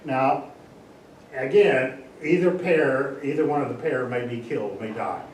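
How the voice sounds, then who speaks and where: A man's voice: mid-range voice, a little slow. Chatty older man, echoey room. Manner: chatty, animated, acts out bird voices. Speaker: guest speaker on birds. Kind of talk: casual public talk. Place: library meeting room. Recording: echoey room, distant mic, faint hiss.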